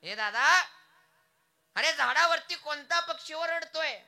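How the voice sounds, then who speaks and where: A man playing a gentle, wistful old grandfather. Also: very high voice, lively intonation, takes it slowly, creaky, pitched above the performer's own voice, heavily acted. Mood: pleading.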